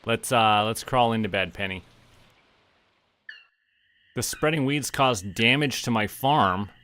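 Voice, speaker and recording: A Canadian streamer playing a farming game chats casually to himself as he plays. His pitch is fairly low, his tone sharp, and he takes things slowly.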